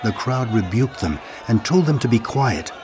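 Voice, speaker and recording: A man narrating a dramatized Bible reading in a steady, clear storytelling manner. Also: medium pitch, moderate pace. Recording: narration over music bed.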